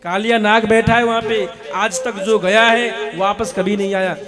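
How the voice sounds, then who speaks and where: High-voiced man telling a devotional tale. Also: normal speed, music in the background. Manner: animated, acts out the characters' words. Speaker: devotional storyteller.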